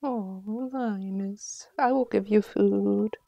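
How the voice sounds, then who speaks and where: A woman offers relaxed, off-the-cuff commentary while streaming a game live, chatty and apologetic in tone. Her mellow, medium-pitched voice carries lots of vocal fry and moves slowly. The recording is close, dry and dull, with no echo.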